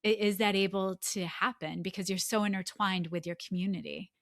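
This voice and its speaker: A woman's voice: mid-range voice, fairly even intonation, fairly quick, no room sound. Affirming woman podcast host, dry sound. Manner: warm and affirming, asks open questions. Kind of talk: interview hosting.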